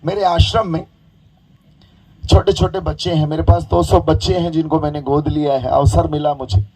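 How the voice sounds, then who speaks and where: Hoarse male preacher, high pitch, soft dark timbre; lively storyteller who rallies the congregation. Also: normal speed, rough recording. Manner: animated storytelling, coaxing the crowd. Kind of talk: sermon with call-and-response.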